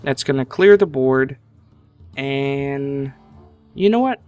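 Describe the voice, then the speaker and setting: A man thinks aloud while casually commentating his card game match, taking his time. His medium-pitched voice is expressive and a little mellow, slightly congested from a sinus infection, over soft background music.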